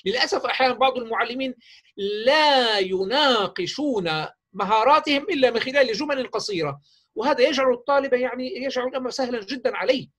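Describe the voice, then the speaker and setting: A man with a husky, slightly breathy voice leads a workshop for teachers. He explains step by step, often stopping on fillers and restarting his sentences. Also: very high voice, fast talker, fairly bright tone. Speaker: teacher trainer. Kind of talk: workshop lecture.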